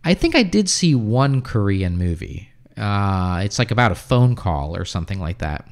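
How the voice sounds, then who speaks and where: An American-raised man in his thirties runs a casual English-teaching livestream from a small room at home, reading viewer comments and answering offhand with plenty of fillers. He's very animated and talks at normal speed, close to a studio mic on a boom arm.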